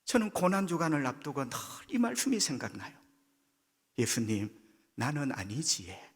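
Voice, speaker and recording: A male pastor with a Gyeongsang accent preaching a sermon, leaping in pitch as he acts out quoted voices. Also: very animated, normal speed. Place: church sanctuary. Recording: long church hall reverb.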